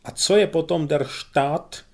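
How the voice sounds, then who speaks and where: A man voicing a fat, pompous, tearful town guard commander whose voice trembles, talking higher and louder than his own narration and dropping German words into his speech. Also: gravelly. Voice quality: voice trembles and twangs.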